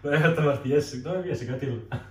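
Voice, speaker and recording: A man in his twenties as a guest giving deadpan mock answers in a casual joking interview, often cracking up, in a small room. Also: mid-range voice, a little hiss or hum. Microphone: camera mic from a distance. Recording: roomy distant camera audio.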